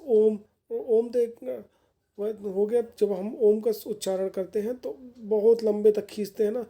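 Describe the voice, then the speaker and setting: A woman's voice: mid-range voice, steady tone, normal speed, dark tone. A woman teacher giving a grammar lesson for exam candidates, explaining patiently and repeating points in plain words.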